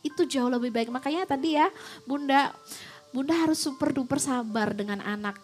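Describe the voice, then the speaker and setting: A young woman giving a casual religious talk, chatty, mixing in English phrases and filling pauses. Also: high-pitched, faint music behind. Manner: chatty, mixes English phrases, frequent fillers. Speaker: Islamic preacher.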